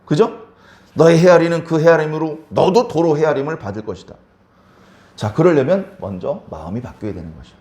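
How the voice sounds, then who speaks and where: A man's voice: a little high, animated, fairly quick, darkish tone, reverberant. A male pastor preaching a sermon, repeating key words for emphasis and putting questions to the congregation.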